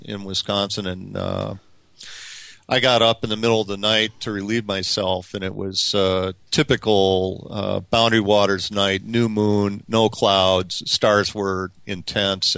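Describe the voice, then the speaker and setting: A man talking as a podcast guest, telling lively anecdotes with plenty of fillers and restarts. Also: on the low side, vocal fry, no echo. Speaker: podcast guest, outdoor youth mentor. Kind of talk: storytelling interview talk.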